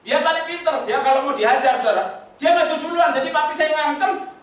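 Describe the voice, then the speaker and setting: An older man preaching a personal testimony, telling stories with animated asides to the congregation and acting out the voices of others. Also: very high-pitched, brisk. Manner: lively storytelling, acts out voices, congregation asides. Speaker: pastor. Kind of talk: sermon testimony. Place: church hall. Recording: echoey hall from far off.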